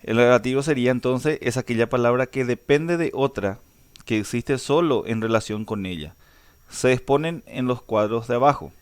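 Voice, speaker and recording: A man's voice: medium pitch, moderate pace, smooth. A male teacher, giving a recorded grammar lesson and explaining step by step with frequent "eh" fillers and restarts.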